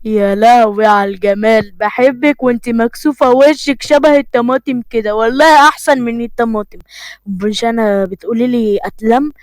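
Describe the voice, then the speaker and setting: Cocky young Egyptian fiancé, read by a woman, teasing and drawn-out, dry close sound. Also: a little high, no echo, close to an everyday voice. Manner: teasing, drawn-out playful talk.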